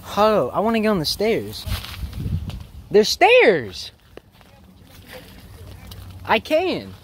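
Young man, exploring vlogger, casual swearing banter, lively pitch, noisy camera audio outdoors. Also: drawn-out words. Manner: loose, swearing, joking. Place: outdoors in a weedy field and inside an abandoned building.

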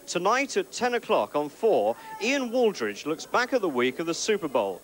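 A man hosting the studio coverage and signing off in a measured, formal presenter's manner. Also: high voice, fairly bright tone. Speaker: studio host. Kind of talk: broadcast sign-off.

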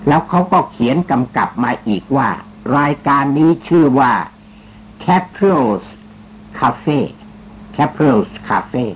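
A radio talk host with a mid-range voice spins a story at a moderate pace, hardly pausing, teasing and joking in a casual, polite manner full of particles. Slight background noise comes through on the low-quality recording.

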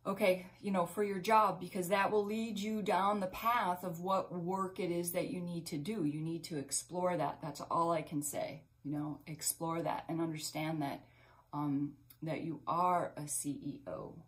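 A middle-aged woman giving a casual spiritual pep talk as a numerology reader, rambling and heartfelt, full of fillers and restarts, often dropping to a soft murmur. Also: on the low side, steady tone, measured pace, rough recording. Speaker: numerology and intuitive guidance reader.

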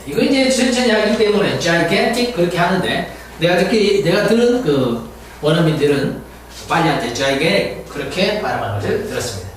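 Animated male teacher in an echoey room. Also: a little high. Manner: drills words by repeating them, animated teacherly delivery. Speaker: English teacher. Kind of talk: recorded vocabulary and pronunciation lesson. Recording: very echoey room, distant mic, faint hiss.

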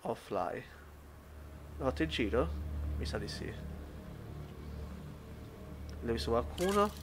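A man giving lively commentary while playing a shooter game, shouting at enemies and muttering between fights. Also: medium pitch, slow pace, noisy background. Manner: excitable, yells at enemies, then mutters to himself. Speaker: gaming YouTuber.

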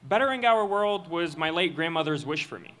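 A young man giving a student speech at a graduation ceremony, reading a prepared text into a podium microphone in an earnest, measured way. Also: on the high side, lively intonation, bright, forceful tone. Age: young adult. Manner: earnest, measured delivery with occasional slips. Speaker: student commencement speaker. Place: outdoor stage of a graduation ceremony.

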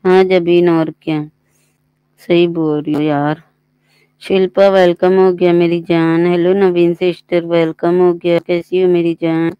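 A woman hosts a live stream and greets each viewer in turn, reading chat aloud in a slow, level, unhurried voice. Her tone is smooth and clear. The sound is close and dry, with a slightly dull, lo-fi edge. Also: lowish voice, level tone, no room sound.

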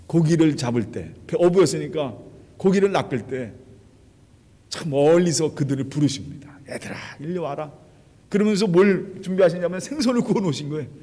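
A male pastor preaching a sermon. He retells stories dramatically and acts out the quoted lines, swinging from quiet to loud. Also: medium pitch. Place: church sanctuary. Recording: long hall reverb.

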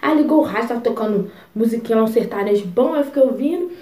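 A young woman vlogger telling a personal story in a chatty, expressive way, full of asides. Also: a little high, rapid-fire, reverberant. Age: young adult. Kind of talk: casual storytelling.

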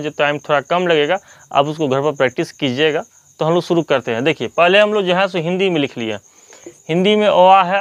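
A man, hosting a slow, patient reading lesson and repeating each point. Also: a little high, clean tone, no echo. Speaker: teacher and channel host.

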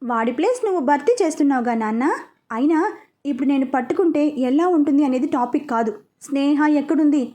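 A woman's voice: high voice, fast, mellow, lightly acted. A woman voicing a playful, teasing young male police officer in a storybook reading. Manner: teasing, persuasive.

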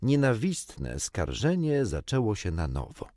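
A man reading a children's book aloud in an expressive, playful manner. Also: on the low side, a little slow, no room sound, clean studio sound. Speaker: audiobook narrator. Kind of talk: storybook narration.

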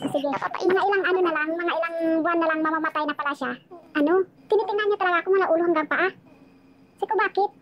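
High, fast-talking woman telling her story. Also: steady tone, lo-fi sound. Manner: rambling, emotional, with frequent restarts. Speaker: storyteller on a live chat. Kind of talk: casual life-story telling.

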